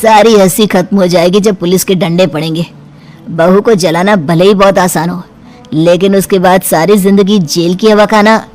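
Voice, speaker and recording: A woman's voice: lowish voice, steady tone, moderate pace, a little mellow, close to an everyday voice. A woman playing a stern cartoon doctor who issues firm warnings. Faint music sits under the voice.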